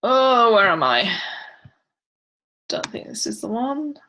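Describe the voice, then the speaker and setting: A woman's voice: on the high side, very animated, slow pace, sharp tone, rough recording. A woman teaching book marketing on an online video call, chatty, with many fillers and frequent laughs. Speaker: book launch coach.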